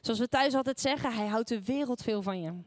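A woman's voice: fairly high pitch, fairly quick. A woman preaching a sermon, telling a personal story and asking the listeners questions along the way.

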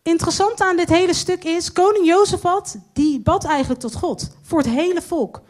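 High-voiced woman preaching a sermon. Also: darkish tone. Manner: earnest, slows down to stress key lines.

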